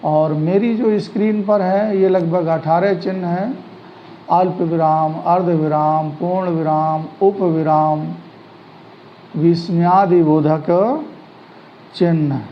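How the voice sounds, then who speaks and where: A man teaching an online grammar lesson, speaking slowly and deliberately in a somewhat high voice. The recording is dull and lo-fi, with a faint ambience behind him. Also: fairly even intonation, slight background noise. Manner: slow, deliberate explaining.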